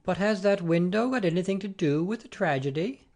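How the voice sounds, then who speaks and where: A man playing a nervous, earnest gentleman caller, polite and formal, in a dramatic audiobook. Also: high voice, lively intonation, a little fast. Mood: polite, uneasy. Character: nervous, earnest gentleman visitor, preoccupied with ailments.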